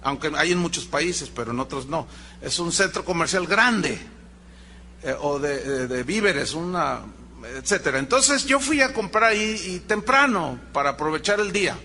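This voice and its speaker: A man's voice: on the high side, moderate pace, a little hiss or hum. A man preaching a sermon, telling stories and asking the congregation questions. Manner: animated, storytelling, rhetorical questions to the congregation. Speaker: pastor.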